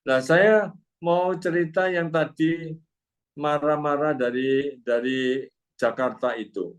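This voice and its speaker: An older man delivers a sermon at an unhurried pace, his voice sitting a little high for a man. He tells stories to the congregation and drives his points home with firm repetitions. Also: fairly even intonation. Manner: storytelling, addresses congregation as "Saudara", emphatic repetitions. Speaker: pastor.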